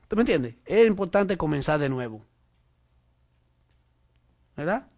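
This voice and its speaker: A man's voice: on the high side, very animated, a little slow, a little mellow. A man preaching a conversational sermon, often asking his listeners if they follow and adding amen. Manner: frequent "¿verdad?" and "amén" asides, addresses listener directly.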